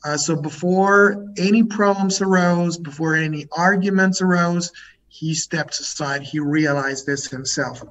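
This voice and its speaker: A man interpreting in an interview, relaying another man's answers as a halting spoken English translation. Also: fairly high pitch. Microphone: video call. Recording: dull lo-fi video call with loud noise.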